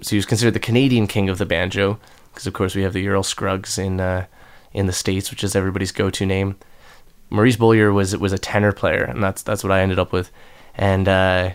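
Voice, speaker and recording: A young musician guest with a low, slightly nasal voice answers interview questions quickly and smoothly in a flat tone. He rambles loosely, full of fillers and restarts.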